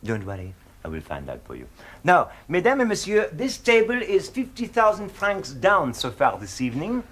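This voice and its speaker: Brief: a suave, nosy French casino manager, fake French accent, lively high-ish voice. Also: male voice, moderate pace, full character voice. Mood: polite probing. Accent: put-on French. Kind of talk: 1970s TV whodunnit acting.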